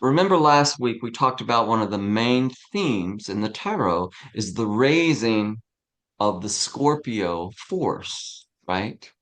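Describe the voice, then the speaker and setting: Slow relaxed man teaching a spiritual class. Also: lowish voice. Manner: relaxed, chuckling, frequent "right?". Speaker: teacher of a tarot study group. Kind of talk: casual spiritual class talk.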